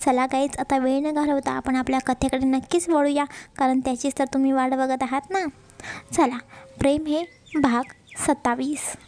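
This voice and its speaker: A woman's voice: high-pitched, fairly even intonation, moderate pace, darkish tone. A woman narrating a romantic serial story, chatty with her listeners.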